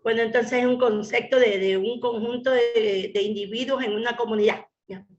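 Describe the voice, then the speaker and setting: A woman, a student answering the teacher's question in an online class, speaking hesitantly with pauses and fillers. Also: a little high, steady tone. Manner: hesitant, halting. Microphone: video call. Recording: roomy, dull video call audio.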